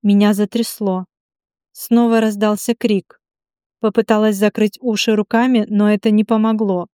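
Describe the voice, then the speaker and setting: A woman reading a novel in the first person as an audiobook, steady and even. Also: mid-range voice, moderate pace, clear, resonant tone, no room sound, studio quality. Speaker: audiobook narrator.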